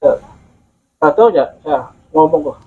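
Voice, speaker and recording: A man telling local stories in a casual, animated way, repeating himself and acting out the voices of the people he quotes. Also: fairly high pitch, slow, husky, narrow, tinny audio. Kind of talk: casual storytelling.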